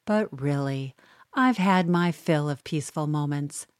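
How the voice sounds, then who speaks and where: A woman reading a humorous newspaper column aloud in a wry, measured, dryly humorous way. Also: deep voice, no room sound, studio quality.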